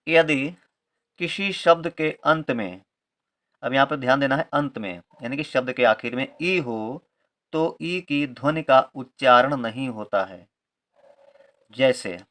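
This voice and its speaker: Teaching a Hindi-medium lesson on English reading rules, this man speaks at a measured pace in a mid-range voice that's a bit bright. He spells each word letter by letter with patience and restates every point, adding a confirming aside.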